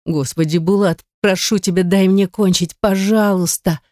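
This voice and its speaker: A woman voicing a desperate young heroine in an adult audiobook, with high, breathless pleading. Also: moderate pace, darkish tone, no room sound, clean studio sound, natural voice.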